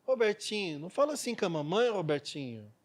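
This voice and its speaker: A man's voice: sits high, sing-song, fairly quick. A man voicing a passive, embarrassed mother weakly pleading with her son. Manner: weak, pleading.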